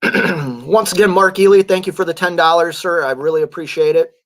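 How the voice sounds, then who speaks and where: Chatting with his live audience and reading their comments, this truck driver speaks a little fast in a somewhat high, fairly bright voice that's going hoarse. He pauses frequently, clears his throat, and fills gaps with filler words.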